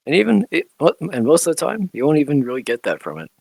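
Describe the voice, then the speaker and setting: A man co-hosting a podcast, explaining film details in a relaxed, casual way with the odd swear. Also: fairly high pitch, fast, vocal fry, breathy edge, no room sound, rough recording. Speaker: podcast co-host.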